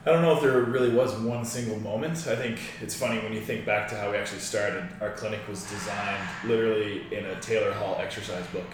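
A man's voice: lowish voice, fairly even intonation, fast talker, hardly any pauses. A man, talking conversationally as an interview guest. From Newfoundland, Canada. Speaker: guest, physiotherapist. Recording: echoey, distant mic, noisy room.

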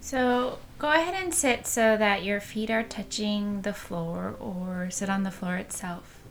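A woman leading a guided meditation in a soft, soothing manner, with breath showing at the ends of phrases. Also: medium pitch, unhurried, faint music behind.

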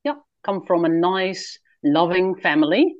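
Brief: Dutch-accented woman, 40s, candid interview guest, low voice, muffled dry sound. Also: big pitch swings, a little slow, dry recording. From Netherlands. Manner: candid, laughs easily. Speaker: guest, author and traveler. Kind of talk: conversational interview.

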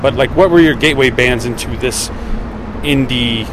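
A man in his thirties hosts a podcast, asking questions in a loose, chatty, joking style during a casual interview. His voice is medium-pitched at a moderate pace. Background noise can be heard.

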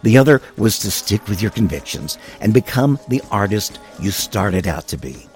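A radio music show host gives scripted music-history narration in a wry, wordy, playful style. His lowish, slightly mellow voice has a sing-song lilt at a moderate pace, with music playing beneath him.

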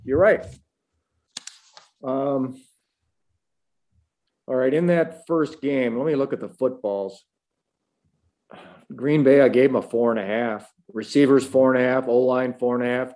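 A man's voice: mid-range voice, a little mellow. A man hosting football analysis, reeling off stats and ratings in clipped, matter-of-fact phrases. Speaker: football analyst and show host.

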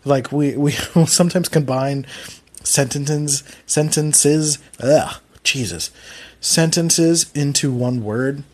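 A Philadelphia podcast host takes his time, speaking slowly in a mid-range voice with a Philly accent. His casual solo show wanders in a rambling, self-deprecating style.

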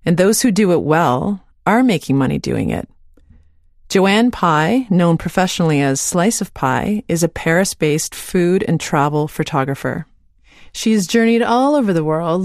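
Woman podcast host, lowish voice, dry close sound, laughs a lot. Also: a little mellow, no room sound. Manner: friendly, laughs easily. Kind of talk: conversational interview.

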